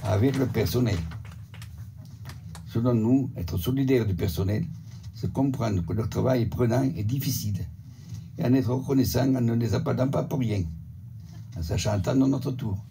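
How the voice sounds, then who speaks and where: An older man from the Montpellier area with a southern French accent, a retirement home resident reading a prepared report in a steady, measured way. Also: medium pitch, vocal fry, slight background noise. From Montpellier area, southern France. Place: retirement home, sent as a video.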